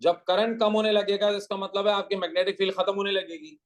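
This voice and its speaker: A man with a fairly high speaking voice teaches a physics class. He explains each step patiently, keeps throwing rhetorical questions at his students, and slips English technical terms into his Hindi. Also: little pitch movement, quick pace, rough recording.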